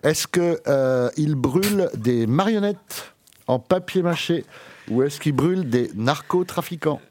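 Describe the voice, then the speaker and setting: A man's voice: a little high, expressive, measured pace, a little mellow. A man hosting a radio show in casual banter, playful and chuckling, with hesitant fillers.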